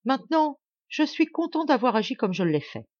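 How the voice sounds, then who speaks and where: A woman's voice: sits high, big pitch swings, normal speed, no echo, voice pushed up. A woman voicing a proud, wounded middle-aged man who talks with vehement defiance. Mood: defiant. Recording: dull, dry home recording.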